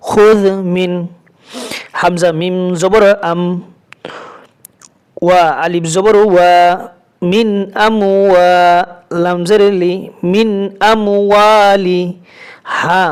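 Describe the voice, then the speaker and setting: A man teaching Quran reading, spelling out letters and vowels syllable by syllable and chanting the words slowly. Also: high-pitched, darkish tone. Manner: slow syllable-by-syllable drilling, drawn-out chanted recitation.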